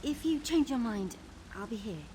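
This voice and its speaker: A woman voicing a patient high-voiced guildmate. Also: animated, normal speed, natural voice. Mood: understanding. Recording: noisy game audio.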